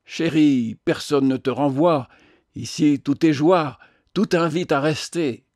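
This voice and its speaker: A man voicing a gentle, loving woman who pleads tenderly and earnestly. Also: a little high, slow pace, dry recording, studio quality.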